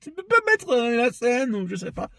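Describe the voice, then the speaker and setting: A man's voice: extremely high pitch, wildly swooping pitch, moderate pace, gravelly, a bit bright, no room sound. Rambling, profane young man with a dry sound. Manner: rambling, profane, laughs often, shifts into heated ranting. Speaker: vlogger. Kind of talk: casual rambling monologue.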